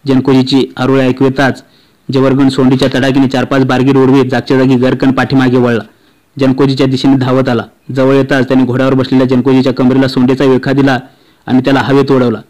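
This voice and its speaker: A man reads a historical novel aloud, chapter by chapter. His pitch sits in the middle of the range and hardly moves, which gives a steady, monotone delivery. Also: fast talker, low-quality recording. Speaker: audiobook reader.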